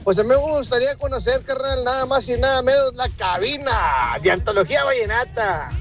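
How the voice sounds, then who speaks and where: A man's voice: very high voice, expressive, fairly quick, fairly bright tone, faint music behind. A man with a Mexican accent, calling into a radio show and speaking in a slangy, chummy way. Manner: slangy, chummy, keeps saying "carnal". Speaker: caller.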